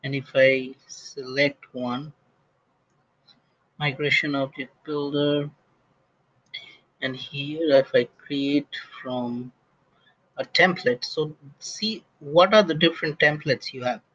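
A man walking through software on a screen recording, talking casually and thinking aloud with plenty of restarts and fillers. His voice sits a little high for a man. The audio is dull and lo-fi. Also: steady tone, slow pace, pauses often. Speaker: SAP instructor.

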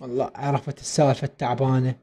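A young man with an Iraqi Arabic accent giving excitable let's play commentary, constantly addressing his viewers. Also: mid-range voice, rapid-fire, a little hiss or hum. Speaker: gaming YouTuber.

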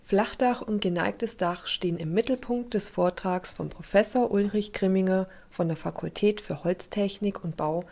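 A woman reporter narrating a trade-event news segment and asking interview questions in a measured way. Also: medium pitch, a little mellow. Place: lecture hall event.

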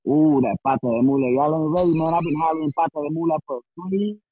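A man calling in to a show on a muffled phone line that sounds like it comes through a wall, loud and hyped as he shouts people out. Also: fairly high pitch, fast talker, crowd noise. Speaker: caller. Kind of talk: casual call-in chat.

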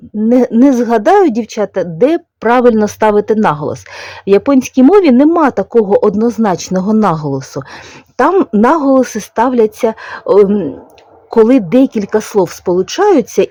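A woman with a Ukrainian accent talks in a relaxed, chatty way, her pitch rising and falling freely. Her voice is mellow and warm, and the recording is close and dry. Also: no room sound. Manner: chatty and unhurried, with soft diminutives. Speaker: knitting vlogger. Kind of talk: casual chat, explaining calligraphy.

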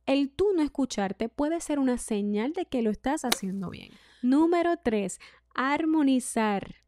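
A woman vocal coach, giving a singing lesson in a clear, instructive way. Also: high-pitched, lively intonation, measured pace, a little hiss or hum. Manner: clear instructive delivery, demonstrates loud and whispered speech.

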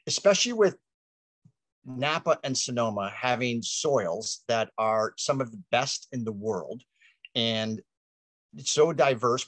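Outside by a vineyard, a host in his fifties leads a virtual wine tasting over video call, energetic and using his hands to explain. His mid-range voice comes through the webcam as a dry recording.

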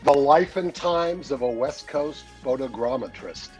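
A man's voice: a little high, unhurried, a little mellow, faint music behind. A man in his sixties, the show's regular editor, chatting casually on a video call from a home study, rambling with many fillers and easy laughs. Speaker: newsletter editor, regular guest. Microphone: webcam on a video call.

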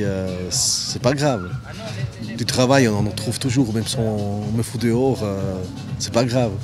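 A man in his fifties, a volunteer, speaking bluntly and emphatically in a casual outdoor interview at dusk. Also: fairly low pitch. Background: music.

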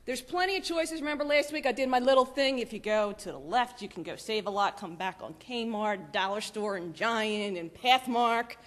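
A woman giving lively, chatty announcements to a church congregation, laughing often. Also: on the high side, moderate pace, few pauses. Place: church sanctuary. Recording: long church reverb.

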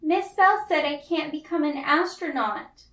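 A woman's voice: sits high, measured pace, fairly bright tone, pitched above the performer's own voice. A woman voicing a hopeful, earnest, dreamy little girl in a children's storybook. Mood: upset. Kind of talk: children's storybook read-aloud. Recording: roomy, echoey, distant mic.

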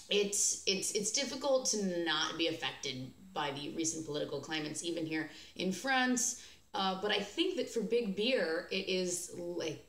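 Sarcastic American woman, echoey room. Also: fairly low pitch. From United States. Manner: sarcastic, chatty, with frequent fillers and restarts. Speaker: beer vlogger host. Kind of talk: casual commentary vlog.

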